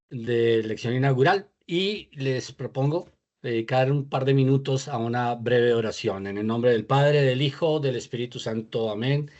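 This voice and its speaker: Slow, measured man leading a prayer. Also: medium pitch, darkish tone, highs cut off. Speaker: prayer leader. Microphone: video call.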